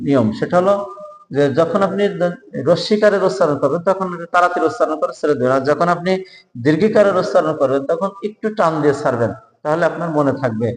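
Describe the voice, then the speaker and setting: A man teaching spelling for job exams, who spells each word out slowly, letter by letter, and urges viewers to subscribe. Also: fairly high pitch. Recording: echoey room with long reverb.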